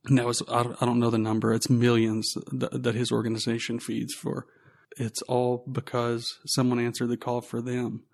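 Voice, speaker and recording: A man hosting a podcast interview, speaking earnestly and with emotion, in halting phrases. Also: mid-range voice, monotone, gravelly, a little mellow. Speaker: podcast host. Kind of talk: casual interview.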